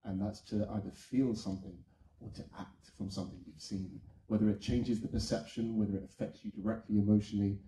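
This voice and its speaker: A man's voice: fairly low pitch, steady tone, brisk, mellow, slight background noise. A man on a film panel answering with enthusiasm, rambling a little as he goes. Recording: echoey room.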